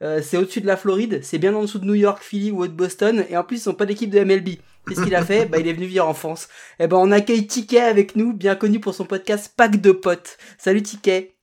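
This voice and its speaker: A man's voice: sits high, fairly even intonation, fast, a little mellow. A man co-hosting a podcast with playful, teasing banter in casual chat. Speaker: podcast co-host.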